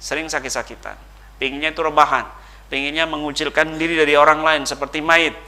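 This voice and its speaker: Man teaching a religious lesson, bright forceful voice, slightly high, lots of "ya" and "eh". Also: steady tone, fast talker. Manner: emphatic, frequent "ya" and "eh" fillers. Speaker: Islamic teacher. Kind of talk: religious lecture.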